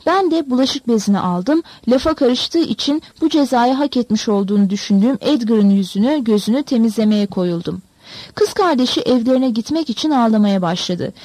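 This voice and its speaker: A woman narrating a novel in a measured, expressive storytelling manner. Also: a little high, dry recording. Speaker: audiobook narrator.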